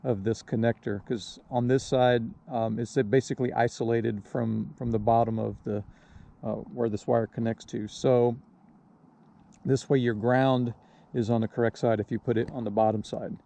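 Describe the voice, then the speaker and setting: A man hosts a DIY video showing how to install a radio, explaining in a casual, hands-on way that's hesitant, unscripted and modest. His mid-range voice is mellow with vocal fry, and he keeps a level tone at a normal speed.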